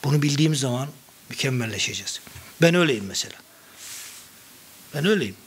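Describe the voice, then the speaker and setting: A man's voice: mid-range voice, lively intonation, fast talker, breathy edge. A middle-aged man giving a public talk on Sufi poetry, telling anecdotes and quoting verses in a conversational way.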